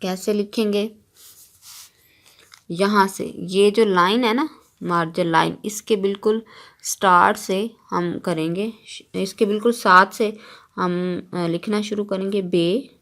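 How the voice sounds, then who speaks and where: A woman teaching young children in an online lesson, speaking very slowly and deliberately. She spells words out letter by letter, repeats them patiently, and keeps checking that the children follow along. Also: mid-range voice, steady tone, a bit bright.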